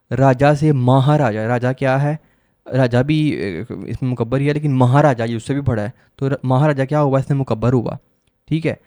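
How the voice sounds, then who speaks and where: A man teaching a grammar lecture for a law admission test, asking questions and answering them himself and repeating each definition slowly. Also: mid-range voice, dark tone, no room sound, clean studio sound.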